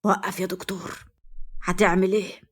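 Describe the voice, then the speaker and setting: Woman playing a commanding Egyptian young man in a storybook drama, quiet and threatening. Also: fairly even intonation, quick pace. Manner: low, hushed, threatening.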